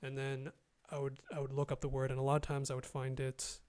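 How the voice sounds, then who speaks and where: A young man, a YouTuber learning a language, is a guest in a casual video-call conversation, sounding hesitant with frequent fillers and restarts. His mid-range voice is completely flat, fairly quick, clean and a little mellow. He's in a small room with a studio mic close in front and earphones.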